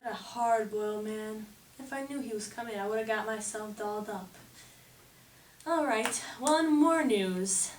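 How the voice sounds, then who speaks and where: A woman voices a flirtatious, flighty 1920s news anchor for an amateur fake newscast, theatrical and slangy with a mock-serious tone. Her voice sits high but close to everyday, a little slow, with echo, faint noise and a distant mic.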